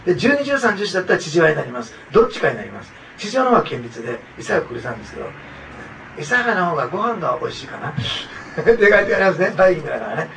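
A male pastor preaches earnestly and repetitively, often turning to his listeners with little asides. His fast, gravelly, sing-song voice sits a bit high with a fairly bright tone, captured from some distance with faint room noise.

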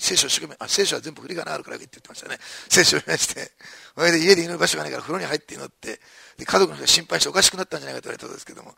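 A man's voice: fairly high pitch, creaky, bright, forceful tone, breathy edge, no echo, studio quality. A man preaching a sermon in a conversational storytelling way, with chuckling asides. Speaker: pastor.

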